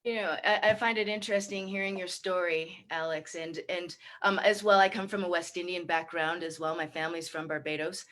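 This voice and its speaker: A woman's voice: fairly low pitch, flat delivery, fairly quick, few pauses, a bit bright. A woman, speaking as a panel guest, emphatic and direct. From Canada. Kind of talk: panel discussion.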